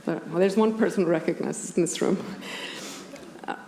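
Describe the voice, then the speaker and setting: With a lowish, dark-toned voice, an Icelandic woman who speaks Icelandic natively lectures with measured precision as an academic philosopher. It is a partly scripted conference talk before an indoor audience, recorded in a roomy hall with clearly audible background noise.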